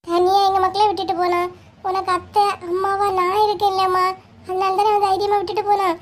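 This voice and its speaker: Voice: very high voice, level tone, brisk, a little hiss or hum. A performer voicing a fussy, comforting mother-in-law in a cartoon, with a Kanyakumari Tamil accent and a coaxing manner. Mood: soothing. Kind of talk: cartoon voice acting.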